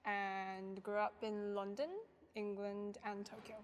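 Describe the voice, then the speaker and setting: A woman's voice: medium pitch, little pitch movement, slow pace. A young woman from Japan, a violinist, giving thoughtful interview answers with light laughs.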